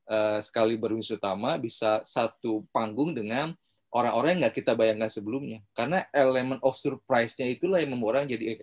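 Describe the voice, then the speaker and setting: A male podcast guest explains his views in a calm, measured way. His voice sits at a middle pitch for a man. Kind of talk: casual podcast chat.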